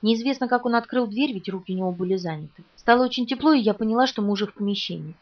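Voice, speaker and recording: A woman narrating an audiobook in the first person, in a restrained, quiet way. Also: medium pitch, rapid-fire. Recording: distant, muffled, soft music.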